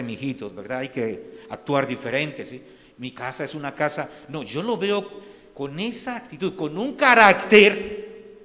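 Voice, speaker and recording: A man preaching a sermon in a slightly higher-than-usual voice. He talks to the congregation conversationally, full of restarts and rhetorical questions. His voice rings with the long reverb of a church sanctuary. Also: a bit bright. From Colombia. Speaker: pastor.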